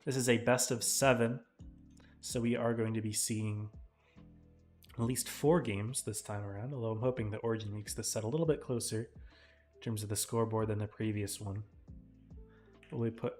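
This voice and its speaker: A man casting a live esports match in a casual, chatty way, his voice tiring and often clearing his throat. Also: lowish voice, steady tone, normal speed, pauses often, a little mellow, faint music behind. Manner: casual, chatty, talks to chat viewers. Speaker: esports caster.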